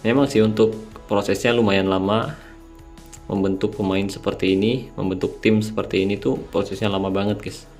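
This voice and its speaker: A young man with a slightly nasal, sleepy voice, fairly low and even in pitch with a darkish tone, casually walks his viewers through a mobile game strategy at a normal pace, calling them "guys." He's a mobile game channel host recording a laid-back tutorial voice-over late at night, with soft music in the background.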